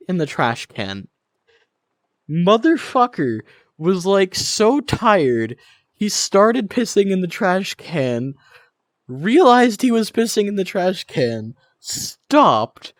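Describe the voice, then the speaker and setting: A man's voice: high-pitched, no echo, studio quality. Crude, laughing young male streamer. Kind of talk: casual stream chat.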